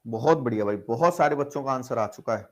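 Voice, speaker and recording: A man's voice: medium pitch, fast talker. A man teaching an algebra class online, working through problems step by step, asking rhetorical questions and urging students to reply. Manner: coaxing, keeps calling students brother and asking them to reply. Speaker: maths teacher.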